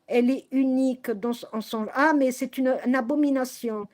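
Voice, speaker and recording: A woman's voice: high-pitched, steady tone, moderate pace, a little mellow. A woman ranting to her viewers on a live stream, angry and accusing, often stumbling and restarting her sentences.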